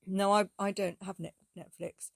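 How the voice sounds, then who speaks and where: A woman's voice: mid-range voice, flat delivery, normal speed, vocal fry, no room sound, clean studio sound. A middle-aged woman hosting a casual solo podcast, rambling with fillers and restarts, her voice getting tired. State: losing her voice. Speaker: podcast host and music teacher.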